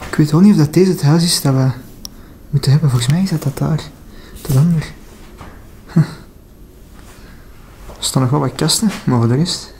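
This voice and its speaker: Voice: mid-range voice, moderate pace, long pauses, dark tone, slight background noise. A person with a Flemish accent, wandering through an abandoned house and thinking aloud in casual commentary. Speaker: urban explorer.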